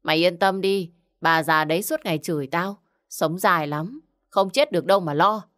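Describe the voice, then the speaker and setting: A woman's voice: on the low side, moderate pace, fairly bright tone, lightly acted. A woman voicing a rude, stingy middle-aged village man who scolds curtly. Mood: scolding. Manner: scornful, scolding, curt.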